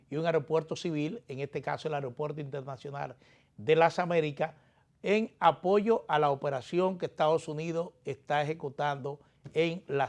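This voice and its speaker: A man's voice: a little high, a little mellow. A man with a Dominican Caribbean Spanish accent, hosting an interview show in a courteous, formal broadcast style.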